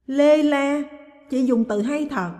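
A woman reading a story aloud, voicing a cheeky, sharp-tongued younger sister who talks back, with a long reverb on the recording. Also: high-pitched, takes it slowly, pitched above the performer's own voice. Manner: cheeky, retorting.

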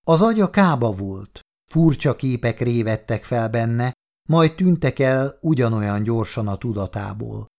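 A man narrating a novel in a measured, steady reading voice. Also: mid-range voice. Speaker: audiobook narrator. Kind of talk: scripted narration.

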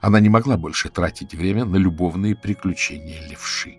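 A man reading a cozy mystery audiobook as narrator, telling it with expressive storytelling. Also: deep voice, fairly quick, husky, faint music behind. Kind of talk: scripted narration.

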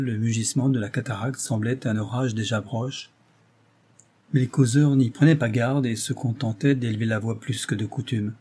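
A man narrating a novel as an audiobook in a measured, even storytelling manner. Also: medium pitch, slightly rough.

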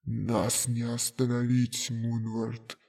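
A woman voicing a dying, scaly male villain counselor whose words echo distantly inside another's mind, slow and ominous. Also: very deep voice, monotone, vocal fry, darkish tone, slightly rough, voice pushed down, full character voice. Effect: distant echoing voice inside a mind. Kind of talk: audiobook character voice.

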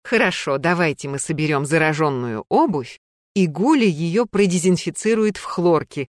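A woman's voice: low-pitched, expressive, moderate pace, no echo, studio quality. A woman reading a story, voicing an elderly female museum keeper who speaks in a stately, commanding way.

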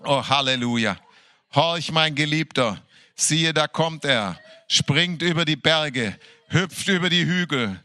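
A man's voice: a little high, expressive, bright, forceful tone, dry recording. Fervent man reading scripture in worship. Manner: fervent, exclaiming hallelujahs, laughing between verses; slow, drawn-out delivery. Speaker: worship leader.

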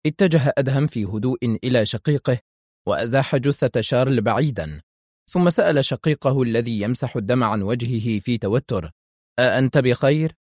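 A male narrator reading a thriller audiobook in a measured, suspenseful way. His voice sits at an ordinary middle pitch. The recording is dry and close, with no room sound. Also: darkish tone, dry recording.

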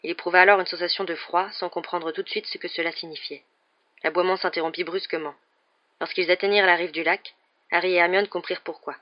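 An audiobook narrator reading a novel aloud in a steady, dramatic way. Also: medium pitch, quick pace, highs cut off.

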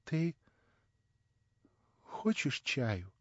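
A man voicing a shy, embarrassed young woman who speaks softly and quietly. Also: mid-range voice, very animated, drawn-out words, no room sound, full character voice. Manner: hushed and soft. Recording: dull dry lo-fi recording.

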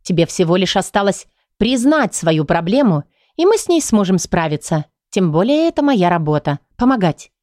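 A woman reading the lines of a calm, persistent female psychologist in an audiobook. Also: medium pitch, normal speed, hardly any pauses, no echo, clean studio sound, natural voice. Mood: insistent.

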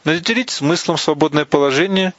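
A man giving a slow, deliberate reading of a religious text, pausing between phrases and sometimes restarting a word. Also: fairly high pitch, no echo. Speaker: reader of Buddhist teachings. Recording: dull, lo-fi, dry recording.

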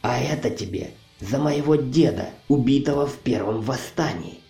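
A man voicing a vengeful young male healer with low, hushed intensity, on a muffled, roomy recording. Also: normal speed, natural voice. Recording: muffled distant roomy recording, faint music.

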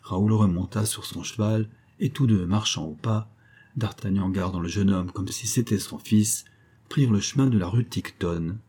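A man reading a classic novel aloud as audiobook narration, in a steady, measured way. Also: fairly low pitch, husky. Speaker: audiobook reader.

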